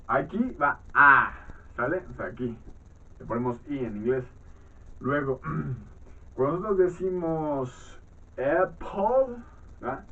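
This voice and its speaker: A man teaching English vowel sounds in a halting classroom manner, often clearing his throat and checking in with his students. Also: mid-range voice. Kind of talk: classroom-style lesson explaining vowel sounds. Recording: tinny phone-like sound from far off the mic.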